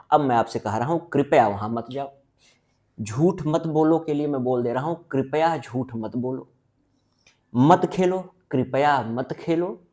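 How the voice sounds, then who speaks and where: A man giving a blackboard grammar lesson, asking questions and answering them himself, and slowly stretching out his example sentences. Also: mid-range voice, a little mellow. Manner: drawn-out emphasis on example sentences. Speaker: English teacher.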